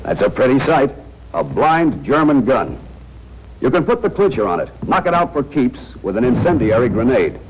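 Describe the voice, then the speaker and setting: Over a noisy 1940s film soundtrack, a mid-range American male voice swings widely in pitch at a normal speed. He's narrating a military training film, talking directly to the troops with a hard-edged, wry, slangy delivery.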